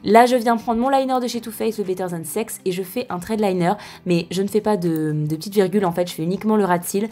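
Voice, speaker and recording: A woman's voice: mid-range voice, quick pace, few pauses, dark tone. A young woman talks through a makeup tutorial in a casual, chatty way, with many fillers and self-corrections. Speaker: beauty vlogger.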